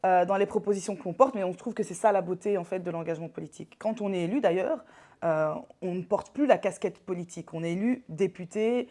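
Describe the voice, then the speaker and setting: A woman in her thirties from Belgium, a politician answering interview questions in a measured, explanatory way with frequent hesitations. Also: fairly low pitch, mellow. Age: 30s. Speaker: politician guest.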